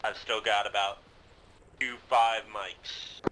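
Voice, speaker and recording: A man's voice: on the low side, flat delivery, slow pace. A man giving terse, procedural military radio calls as a helicopter pilot, heard through a radio with static bursts. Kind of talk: clipped military radio talk. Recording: noisy in-game radio, distant.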